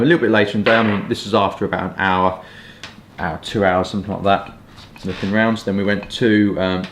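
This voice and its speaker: A man in his twenties with a southern English accent, chatting casually and rambling through hedging asides as a review vlogger. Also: lowish voice. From southeast England. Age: 20s. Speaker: pipe and cigar review vlogger. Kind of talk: casual chat. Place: small furnished room at home, indoors. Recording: roomy echo, some background noise.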